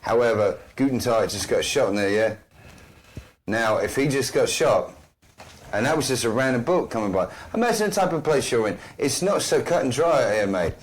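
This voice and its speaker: A man's voice: mid-range voice, expressive, normal speed, natural voice. A man playing a worldly street rogue in a tabletop game, talking casually with "mate" and "lad". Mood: earnest.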